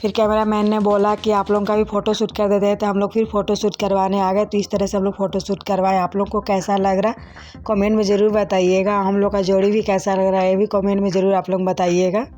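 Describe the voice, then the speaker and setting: A young woman chats her way through her wedding video, speaking to viewers as though they're friends and leaning on lots of fillers. Her mid-range voice is flat and fairly quick, set against loud music.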